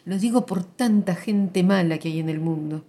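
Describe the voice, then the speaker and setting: A woman giving a quiet, restrained literary reading. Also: fairly low pitch, moderate pace. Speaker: narrator.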